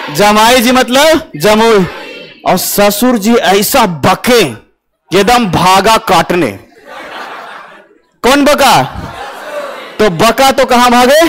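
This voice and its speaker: A man's voice: sits high, fairly bright tone, a little hiss or hum, low-quality recording. A man teaching a classroom lesson with memory tricks, asking his students questions and answering them himself.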